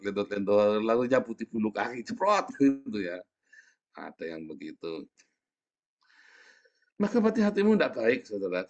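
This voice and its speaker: Lively preacher, lower voice. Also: male voice, muffled recording. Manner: lively storytelling, laughs, swings from hushed to loud. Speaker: pastor. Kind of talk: sermon.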